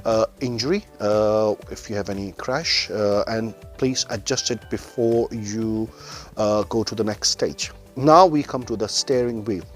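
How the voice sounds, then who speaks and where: A man's voice: lowish voice, a little slow, faint music behind. A man speaking as a driving instructor, giving methodical, formal step-by-step instructions to learner drivers in non-native English phrasing.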